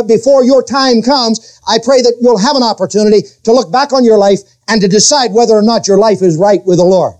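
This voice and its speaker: A middle-aged male pastor preaching a sermon, swinging his voice up and down and drawing out key words. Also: darkish tone. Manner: preaching with sudden pitch swings and quoted voices.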